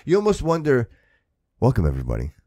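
A podcast host with a mid-range, dark-toned voice talks fast with huge swings in pitch, and there's no echo. His chat is casual, emphatic, and full of slang, and he repeats himself for emphasis while calling the listener "bro" and "dude."

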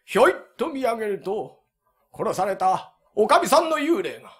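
A man playing a timid tenement dweller who tells a ghost story slowly and in a hushed tone, in rakugo comic storytelling. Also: high-pitched, very animated. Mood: hushed spooky. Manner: drawn-out, hushed spooky delivery.

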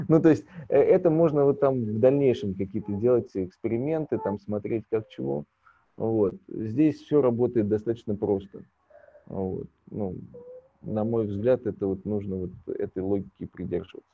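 A man's voice: lowish voice, moderate pace. Hesitant man on a lo-fi call. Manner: hesitant, many fillers, chuckling. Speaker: franchise business owner, invited guest. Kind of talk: casual business talk on a video call. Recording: dull lo-fi call audio.

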